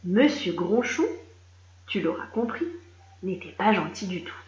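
A woman reading a children's story aloud, expressive and speaking directly to a young listener. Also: mid-range voice. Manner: slow, expressive, addressing a child. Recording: roomy, slightly dull recording.

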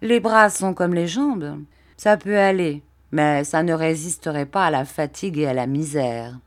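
A woman's voice: deep voice, measured pace. A woman voicing a shrewd, mocking old traveling showman in a storybook reading. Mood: dismissive.

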